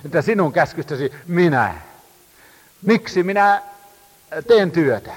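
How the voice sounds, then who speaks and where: A man's voice: on the high side, expressive, slightly rough. Impassioned male preacher in a reverberant hall. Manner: impassioned, rising and falling emphasis, frequent hesitations. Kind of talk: sermon.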